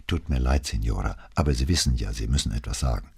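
A man voicing a calm, patient male police commissioner who questions in a measured, probing way. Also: very deep voice, creaky, husky, no echo, clean studio sound, voice pushed down, heavily acted.

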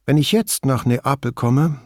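A man reading an audiobook, voicing a lively, teasing Neapolitan woman police officer with a raised pitch. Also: unhurried, no room sound, studio quality, close to an everyday voice. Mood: enthusiastic. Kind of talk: audiobook dialogue.

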